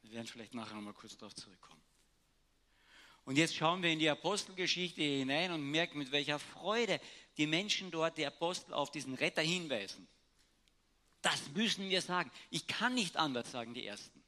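Bright-voiced man preaching. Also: on the high side, expressive, brisk. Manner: storytelling, shifting between hushed and raised emphasis. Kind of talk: sermon.

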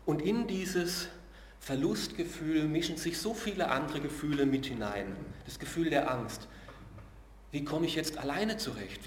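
Prediger in hallendem Saal. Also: male voice, medium pitch, roomy sound, slight background noise. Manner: earnest, slows and drops to a hush on key words; uses filler sounds between phrases. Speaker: preacher. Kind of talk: sermon.

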